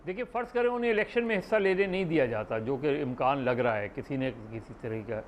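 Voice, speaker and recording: A man giving deliberate, hedged political analysis as a talk show guest, thinking aloud as he speaks. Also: mid-range voice, animated, a little hiss or hum.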